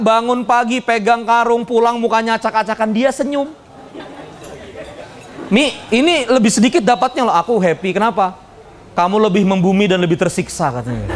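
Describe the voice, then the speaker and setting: A man giving a lively, joking seminar talk on business and addressing the audience directly. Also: very high voice. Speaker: business speaker and motivational trainer.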